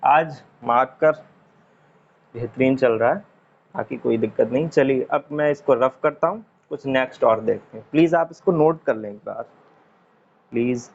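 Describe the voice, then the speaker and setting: A man teaching English vocabulary in a casual classroom lesson, chatty and repeating words slowly for pronunciation. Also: medium pitch, gravelly. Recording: dull lo-fi sound, faint noise.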